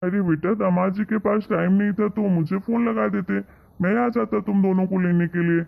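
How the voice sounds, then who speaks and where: A man voicing a gentle, affectionate elderly father in a cartoon story, talking in a soothing, coaxing way. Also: sits high, fairly even intonation, normal speed, gravelly. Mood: fond. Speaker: father and grandfather. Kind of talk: Hindi cartoon moral-story voice acting. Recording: tinny phone-like sound.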